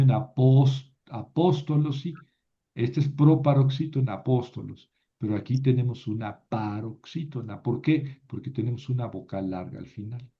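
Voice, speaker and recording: A man's voice: mid-range voice, lo-fi sound. A man teaching a Biblical Greek class online, explaining patiently step by step and often checking with "¿verdad?".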